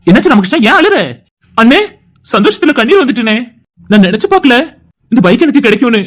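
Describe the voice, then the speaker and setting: An actor voicing a group of cheerful young male friends in an animated family drama, trading lively, teasing banter. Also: medium pitch, fast, music in the background, natural voice. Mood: warm. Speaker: cartoon voice actor.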